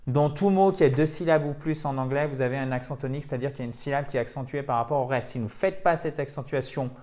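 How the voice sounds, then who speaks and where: A man's voice: mid-range voice, quick pace, a little mellow. A man teaching English pronunciation in a video lesson, explaining in French and repeating example words with the stress marked.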